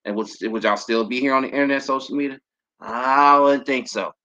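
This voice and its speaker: A man's voice: mid-range voice, brisk, pushed and bright. A man in his thirties hosting an aviation channel livestream, talking casually and rambling with lots of fillers and restarts. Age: 30s. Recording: dull lo-fi stream audio.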